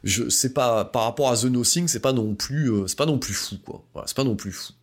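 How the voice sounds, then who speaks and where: A man's voice: mid-range voice, fairly quick. A man giving a casual spoken album review, hesitant with lots of fillers and restarts, but enthusiastic and informal. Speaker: music reviewer.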